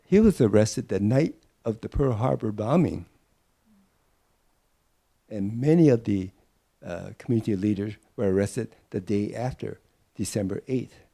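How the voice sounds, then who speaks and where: An older man from Peru explains events at an unhurried, thoughtful pace, stopping to search for words. His voice is gravelly, low and mellow. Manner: thoughtful, explanatory, with many fillers. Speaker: interviewee. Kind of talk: oral history interview.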